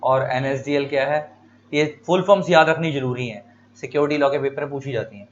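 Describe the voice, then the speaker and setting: Fast-talking man teaching. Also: mid-range voice, muffled recording, a little hiss or hum. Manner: asks questions and answers them himself, repeats key terms. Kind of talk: exam-prep lecture with questions to students.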